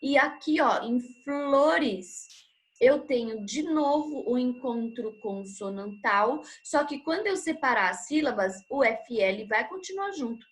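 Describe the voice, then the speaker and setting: A woman's voice: high voice, expressive, unhurried. A woman teaching a grammar lesson, patiently explaining and checking in with short tag questions.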